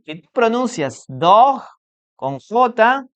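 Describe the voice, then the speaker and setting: Man, unhurried delivery, smooth voice, muffled lo-fi stream audio, patient repetitive teacher. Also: fairly high pitch, expressive, a bit bright. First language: Spanish. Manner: patient, repetitive, checks understanding with frequent "okay?". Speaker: English teacher. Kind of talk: live online English lesson.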